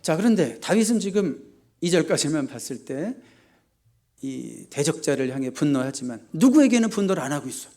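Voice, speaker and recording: A male pastor preaching in church, asking the congregation questions and answering them himself, with sharp rises for emphasis. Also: on the high side, sing-song, normal speed. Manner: emphatic, often rising sharply for stress. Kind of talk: sermon. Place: church sanctuary.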